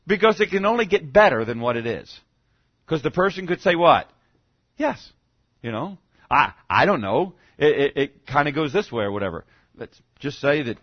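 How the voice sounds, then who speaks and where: A man's voice: a little high, no echo, lo-fi sound. A man preaching a sermon in a conversational way, often checking in with his listeners with "okay?" and rhetorical questions, and stumbling over restarts now and then. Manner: stammering restarts. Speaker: pastor.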